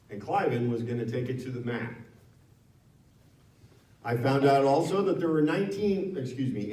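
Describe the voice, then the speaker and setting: Man, mellow voice, frank conversational storytelling, echoey room, distant mic. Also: medium pitch. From Nevada. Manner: conversational, frank, self-correcting. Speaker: guest speaker. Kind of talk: storytelling talk to an audience. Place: town hall meeting room.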